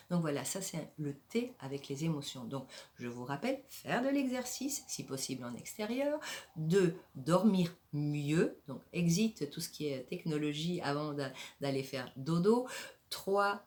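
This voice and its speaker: Expressive French woman coaching viewers. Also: deep voice. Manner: expressive, many hesitations. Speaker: happiness coach. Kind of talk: motivational talk to camera.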